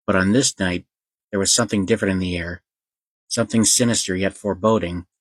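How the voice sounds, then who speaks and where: A man narrating a children's fantasy audiobook in an earnest, steady storytelling manner, with a few small slips. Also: on the low side, breathy edge, dry recording, rough recording.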